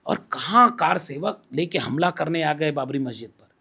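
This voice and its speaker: A man as a podcast guest, talking politics in a measured, explanatory way and laying out his points one by one. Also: fairly high pitch, animated, gravelly, bright, forceful tone, breathy edge. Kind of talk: political discussion.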